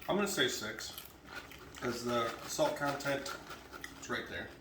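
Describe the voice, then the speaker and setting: A man with an average-pitched voice gives casual opinions in a group snack review. He is heard from a distance in an echoey room, with noise clearly behind him. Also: a little slow.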